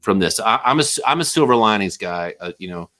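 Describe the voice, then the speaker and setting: A middle-aged man, a musician guest in a casual interview, talking in a rambling, animated, jokey way. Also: fairly low pitch, quick pace.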